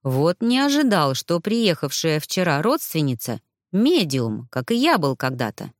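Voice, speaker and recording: Woman voicing a gentle, sighing young ghost. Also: deep voice, very animated, moderate pace, no echo, studio quality. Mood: courteous, wry. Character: polite young male ghost, weary and sorrowful.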